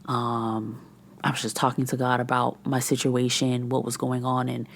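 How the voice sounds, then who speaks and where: A woman's voice: very deep voice, little pitch movement, normal speed, a little hiss or hum. A woman in her thirties hosting a candid solo podcast, rambling and sometimes dropping to a whisper. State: frustrated and overwhelmed. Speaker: podcast host and menopause coach. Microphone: podcast microphone.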